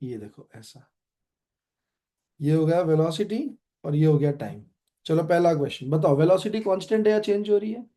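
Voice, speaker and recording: A man with an Indian accent teaching physics online, quizzing students with quick questions and switching between Hindi and English. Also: on the high side, lively intonation, mellow. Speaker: physics tutor. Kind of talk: online classroom lecture.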